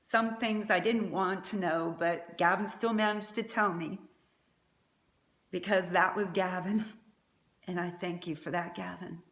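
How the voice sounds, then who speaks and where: A woman's voice: on the low side, fairly even intonation, measured pace, a bit bright. A middle-aged woman giving a prepared eulogy as a mother, speaking in a tender, faltering way. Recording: echoey room.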